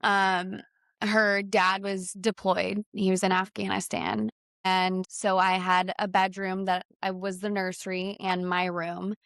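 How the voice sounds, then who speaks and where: A woman in her thirties, a podcast co-host, speaks at medium pitch, a little slowly and smoothly, in clean studio-quality audio with no room sound. She tells stories in a rambling, casual chat, often restarting her sentences and growing animated when quoting others.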